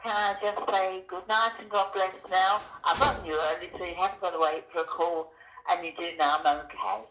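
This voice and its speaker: An older woman speaks in a formal, repetitive way, announcing herself as she leaves a voicemail. Her somewhat low voice comes through a landline phone message played back in an echoey room. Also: level tone, a little fast, a bit bright, a little hiss or hum. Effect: voicemail message played over a landline phone. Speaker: caller leaving a voicemail.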